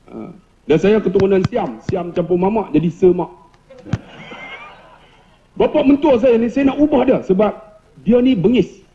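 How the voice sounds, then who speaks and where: A middle-aged man with a Malaysian Malay accent, giving a humorous religious lecture with loud, animated storytelling. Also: sits high, dull audio. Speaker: preacher.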